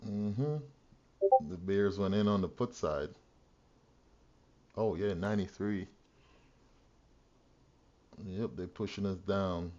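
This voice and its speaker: Low-voiced, slangy man streaming live trades, muffled. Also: slow, pauses often, a little mellow. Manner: slangy, heavy swearing. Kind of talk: live trading stream commentary, casual chat.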